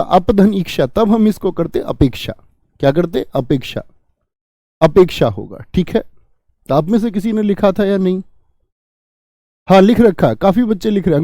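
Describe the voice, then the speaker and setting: Man teaching online, fairly high and mellow, repeats his own questions before answering. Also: no room sound, studio quality. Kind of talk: online grammar lesson.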